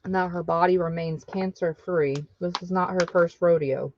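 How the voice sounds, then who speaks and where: A woman's voice: fairly low pitch, fairly even intonation, moderate pace, a little mellow, no room sound, lo-fi sound. A woman hosting a live craft sale stream, chatting casually with viewers and laughing often.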